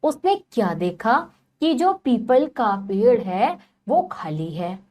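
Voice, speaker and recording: Slow, lively-voiced woman teacher telling a story. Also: on the high side. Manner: retells each passage and asks children questions. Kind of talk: storytelling lesson to children.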